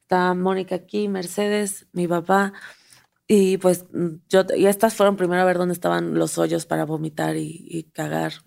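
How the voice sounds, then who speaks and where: A Mexican woman in her thirties spins stories as a podcast guest, with a heavily gravelly, fry-laden voice. She sits a little low in pitch and jumps into the voices of the people she talks about. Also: normal speed. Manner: animated storyteller, acts out quotes, laughs often. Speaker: podcast guest, stand-up comedian. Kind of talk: casual storytelling interview.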